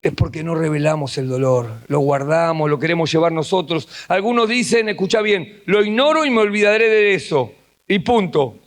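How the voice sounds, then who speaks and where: Argentine male pastor, high voice, sermon delivery that drops to a hush and then rises with emphasis. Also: expressive, moderate pace. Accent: Argentine Spanish. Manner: swings between hushed intimate passages and raised emphatic ones. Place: church camp gathering.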